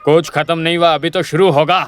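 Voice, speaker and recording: A man's voice: fairly high pitch, steady tone, brisk, music in the background, close to an everyday voice. A man dubbing an aggressive, threatening village wrestler in a film. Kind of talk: Hindi film dub.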